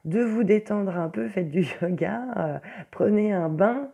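A woman's voice: mid-range voice, unhurried, creaky, dark tone, slightly rough. A woman giving a chatty tarot reading to her viewers, full of fillers and asides. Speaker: tarot reader. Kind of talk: casual tarot reading to camera.

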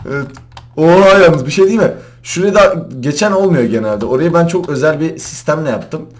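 A young man doing casual gaming commentary, excitable, often laughing and shouting as he plays. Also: fairly high pitch, fairly quick. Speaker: gaming YouTuber. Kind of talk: casual Minecraft parkour commentary.

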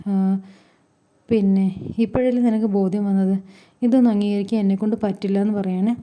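Fast-talking woman with a very dark voice. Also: mid-range voice. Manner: rapidly paraphrases each character's lines in turn. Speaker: TV serial recap vlogger. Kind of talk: casual retelling of a TV serial episode.

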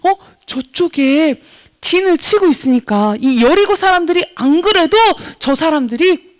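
A woman's voice: very high-pitched, unhurried. A young woman teaching a children's sermon, telling a Bible story and acting out the characters' voices as she talks to the kids. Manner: animated, addresses kids directly, acts out voices.

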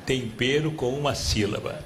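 On a live TV program, a Brazilian male host with a medium-pitched, fairly bright voice and Brazilian Portuguese accent slowly reads out clues while teasing the female contestants. The recording, made in a studio with a live audience, carries clear background noise.

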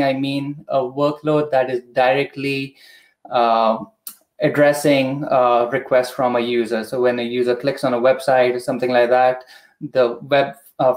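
A man explaining a technical process on a video call, measured and methodical, with frequent pauses and "uh" fillers. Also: medium pitch, a little mellow. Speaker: product expert guest. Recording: echoey room.

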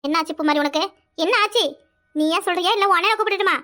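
A woman voicing a shrill scheming village mother. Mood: scolding. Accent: Kanyakumari Tamil. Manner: shrill, scolding, fast, rising to yells. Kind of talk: cartoon voice acting.

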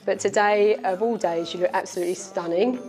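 A middle-aged woman gives a warm wedding toast as the bride's mother, pausing often with little fillers. She speaks at an even middle pitch into a handheld mic. Faint music sits behind her in the barn hall. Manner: warm, halting speech with fillers. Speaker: mother of the bride giving a speech. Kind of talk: wedding speech. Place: brick-walled barn reception hall. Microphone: handheld microphone.

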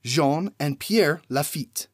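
Reading out numbered questions and then, after a pause, each answer, a male trivia podcast host keeps a measured delivery. His voice sits on the high side.

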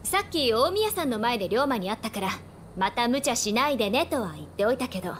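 In a video game cutscene, a woman with a slightly high voice plays a spirited, caring young woman of old Japan, talking fast and very animatedly. Her manner is familiar, plain-spoken, and feminine, and she sounds friendly and concerned. There's slight background noise.

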